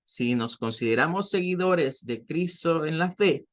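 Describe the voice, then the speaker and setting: A man teaching an English lesson in Spanish, slowly repeating words to drill their pronunciation and often asking "¿verdad?". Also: on the high side, animated, a bit bright. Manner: fills pauses with "¿verdad?".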